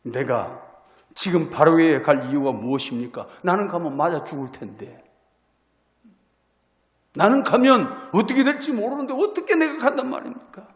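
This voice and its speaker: A reluctant older Moses pleads and protests in exasperation, high-voiced, with a lively, swinging pitch, as a male preacher puts him on. The sound is echoey, recorded in a hall with a long reverb. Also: moderate pace. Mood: protesting.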